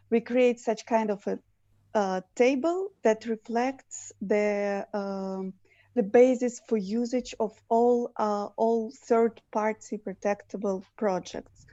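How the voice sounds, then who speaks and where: A woman's voice: on the high side, dark tone, dry recording. A woman with a Russian accent, a lawyer giving a hesitant online presentation with many fillers. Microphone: video call. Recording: muffled video call audio.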